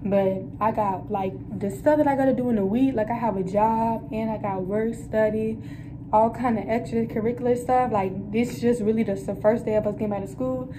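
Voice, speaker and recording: A woman's voice: fairly high pitch, steady tone, normal speed. Chatty young woman vlogging on campus. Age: young adult. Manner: chatty, slangy, addresses viewers as y'all. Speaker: college student vlogger. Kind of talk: casual vlog chat. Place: around a college campus, indoors and outdoors. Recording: noisy campus background.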